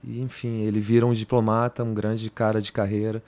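A Brazilian man in his fifties, guesting on a podcast recorded in a home music studio, talks loosely in casual interview style, restarting sentences and tagging them with "cara" and "entendeu?". His voice is lowish, level and slightly mellow, a little fast, picked up by a studio mic on a boom arm.

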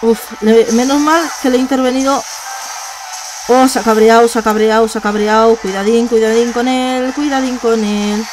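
Woman, Spain Spanish accent, fairly high voice, excitable let's play commentary, noisy recording. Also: moderate pace. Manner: excitable, swears and repeats words. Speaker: gamer.

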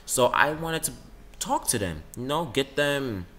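A teenage boy in a casual, rambling monologue about his classmates, saying "like" constantly and swinging his pitch up and down. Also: unhurried, slight background noise. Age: teens. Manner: rambling, says "like" a lot, lively swings in pitch. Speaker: student vlogger.

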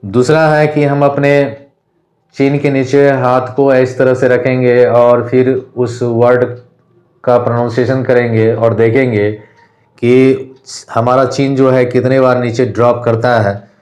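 A male teacher from India explains an English lesson. He talks slowly and keeps his pitch level, with little rise or fall. He spells words out letter by letter in a patient, deliberate way. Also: little pitch movement, a little mellow.

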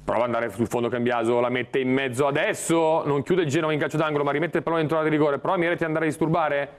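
A man in his forties doing live football commentary on TV in an excitable, breathless manner. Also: a little high, racing. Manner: excitable, breathless, shouting at goals and chances. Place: TV studio. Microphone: lapel mic.

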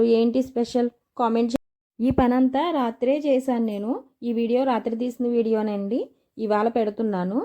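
A young woman vlogger talking softly and earnestly to her viewers, recorded on a device's built-in mic without a microphone. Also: on the high side. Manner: soft-spoken, chatty and earnest. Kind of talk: casual chat to viewers. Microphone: no microphone, phone or camera built-in mic.

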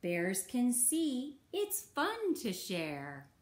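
A woman reading a rhyming picture book aloud for children in a slow, rhythmic sing-song. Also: on the high side, huge pitch swings. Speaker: children's story reader. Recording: roomy echo.

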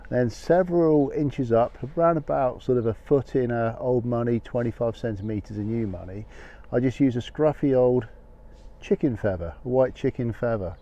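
A man in his fifties, sitting outdoors and chatting to camera with a lapel mic as he explains his fishing rig in a casual, practical way. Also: medium pitch. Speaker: fishing vlogger. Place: outdoor wooden deck by the sea. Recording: slightly dull lo-fi audio.

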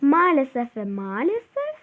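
A woman hosting her own gaming channel, giving chatty, excitable let's-play commentary and crying out during the game. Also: sits high, a little slow, phone-quality sound.

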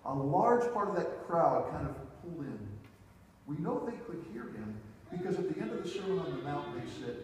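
A man's voice: on the high side, sing-song, normal speed, background noise. A middle-aged man preaching a sermon as pastor, telling the story while he moves about the stage. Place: church sanctuary, large indoor room. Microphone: distant room mic, preacher away from the camera. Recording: echoey church hall heard from far off.

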